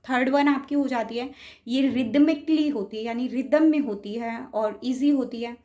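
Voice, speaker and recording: A woman teacher lectures patiently, sounding out example words and breaking each idea into steps. Her voice sits a little high. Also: moderate pace, mellow, lo-fi sound. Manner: patient, explains step by step with spoken examples. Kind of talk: lecture on speech, mixing Hindi and English terms.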